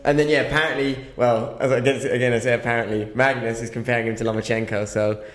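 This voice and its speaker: A man's voice: medium pitch, flat delivery, fast. Laid-back young British man, echoey room. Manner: laid-back, hesitant with ums and self-mocking laughs. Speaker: co-host of a betting podcast. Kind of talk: casual chat.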